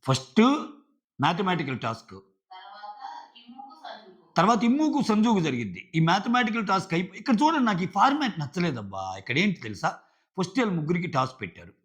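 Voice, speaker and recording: A man's voice: high voice, brisk, long pauses. A man reviewing a reality show in casual, argumentative commentary. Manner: animated, argumentative, acts out contestants' lines. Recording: dull lo-fi audio.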